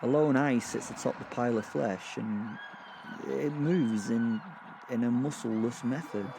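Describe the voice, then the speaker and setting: Medium-pitched with vocal fry, a man speaks at a measured pace amid background noise. He portrays a gleeful, sadistic werewolf killer narrating a horror audio drama, sounding thrilled as he rambles conversationally in hesitant, amused understatement.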